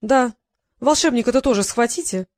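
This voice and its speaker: A woman's voice: fairly high pitch, normal speed, a little mellow, no echo, clean studio sound, close to an everyday voice. A woman voicing a mild, sly sultan. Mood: gently commanding. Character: soft-spoken, yielding, gently cunning sultan, man.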